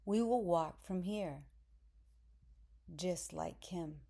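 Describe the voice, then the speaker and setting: A woman's voice: fairly low pitch, very slow, gravelly, mellow, heavily acted. Woman reading an eager, reassuring teen girl. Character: earnest helpful teenage girl.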